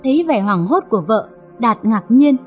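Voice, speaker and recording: A woman narrating a dramatic audio story in an expressive, measured reading. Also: fairly high pitch, lo-fi sound, soft background music.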